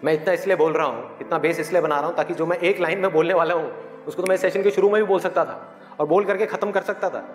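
Male motivational speaker, high-pitched, rhetorical and playful, recorded live in a reverberant hall. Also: steady tone, fast. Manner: rhetorical, playful, questions the audience. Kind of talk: live motivational talk to students. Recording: echoey hall, live audience, faint music.

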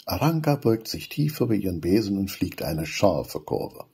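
A man telling a children's story aloud, with a deep, low voice. The tone is very husky with a gravelly crackle. His reading is expressive and moves up and down freely. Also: normal speed.

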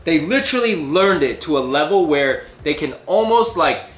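A young man co-hosting a casual chat, lively and joking, with lots of fillers. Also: on the high side, normal speed. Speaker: co-host. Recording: echoey room with faint music.

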